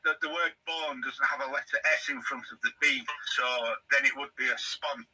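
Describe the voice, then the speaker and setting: A man's voice: medium pitch, fairly even intonation, a little fast, pushed and bright, husky, distant mic, rough recording. A man with a Yorkshire accent in a casual group chat, explaining things in a teasing way.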